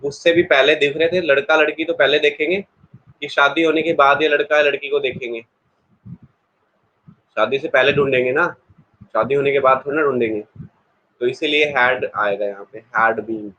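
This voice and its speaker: A man's voice: medium pitch, steady tone, moderate pace, pauses often, sharp tone, poor audio. A man teaching an online exam-prep English class in a chatty way, explaining with everyday examples and talking straight to his students.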